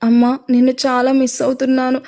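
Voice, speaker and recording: A woman's voice: high-pitched, completely flat delivery, brisk, dark tone. A woman as a tearful young bride. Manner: tearful, pleading. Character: young tearful bride missing her mother.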